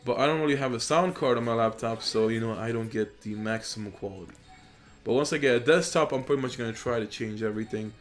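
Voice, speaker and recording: Soft music sits behind a fast, mid-range male voice. He's a young gaming YouTuber, raised in Poland and a native Polish speaker, rambling loosely over gameplay into a USB desk microphone with lots of filler words in a relaxed way.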